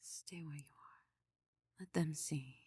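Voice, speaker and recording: Woman playing a deep, breathy possessive queen, whispered role-play. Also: mellow, heavily acted. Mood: commanding, smug. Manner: formal, measured, controlling. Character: possessive, devoted necromancer queen, regal and soft-spoken.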